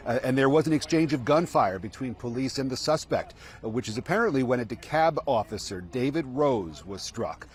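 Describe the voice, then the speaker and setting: A man reporting live news from the field, ad-libbing with halting pauses mid-sentence. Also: medium pitch. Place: outdoors at the scene. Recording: outdoor street and traffic noise.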